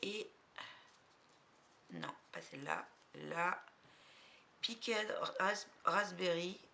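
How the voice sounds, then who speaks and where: A woman with a slight cold chatting casually about crafting supplies, unhurried and hesitant, with many fillers. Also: on the low side, huge pitch swings, creaky, sharp tone, a little hiss or hum. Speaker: crafting vlogger. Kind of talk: casual haul chat.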